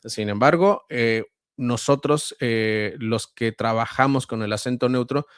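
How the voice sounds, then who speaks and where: Male voice-over guest with a central Mexican accent, mid-pitched, dry close sound, measured and explanatory. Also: smooth, no room sound. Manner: measured, explanatory, frequent hesitations. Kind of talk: conversational interview answers.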